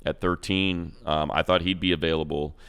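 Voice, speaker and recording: A team radio play-by-play announcer, co-hosting a casual chat, talks football at normal speed in an extremely low, smooth, resonant voice. He rambles animatedly, rattles off long lists of player names and often restarts sentences.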